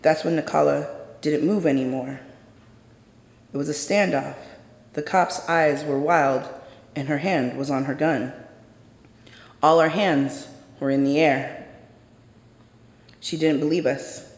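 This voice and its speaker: A woman telling a personal story live on stage in a measured, solemn way. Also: sits low, fairly even intonation. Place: stage in a theater. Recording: echoey hall from a stage.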